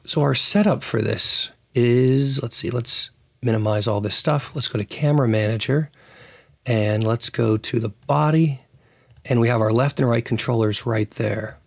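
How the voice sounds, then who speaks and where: A man with a raspy, hoarse voice recovering from losing it, hosting a casual programming tutorial and thinking aloud as he works. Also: mid-range voice, moderate pace. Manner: thinks aloud while working. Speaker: tutorial host.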